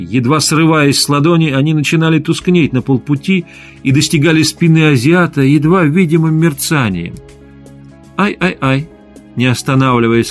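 A man reading a fantasy story aloud as audiobook narrator, in steady, even storytelling. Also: mid-range voice. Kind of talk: scripted narration.

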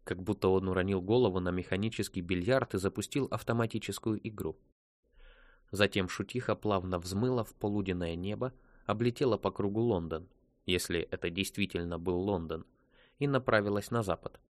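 A man with a lowish voice reads the narration in steady, even scripted storytelling. The sound is close and dry, with no room echo. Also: a little fast. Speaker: audiobook narrator.

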